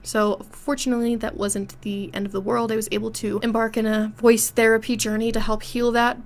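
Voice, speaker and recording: A young woman with a congested voice, giving an online singing lesson as a voice teacher in a clear, instructive way. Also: a little high. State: congested from a cold.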